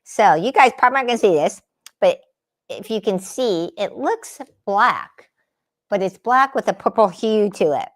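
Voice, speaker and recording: In her daylight-lamp-lit home studio, a woman from the San Francisco Bay Area paints on a livestream, casually talking with viewers and wandering between the artwork and their comments. A spiritual artist and host, she has a mid-range, expressive voice at a moderate pace.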